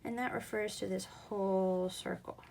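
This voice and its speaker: A woman's voice: medium pitch, steady tone, moderate pace, gravelly, darkish tone, a little hiss or hum. A woman teaching a recorded math lesson, explaining patiently and going back over each key point.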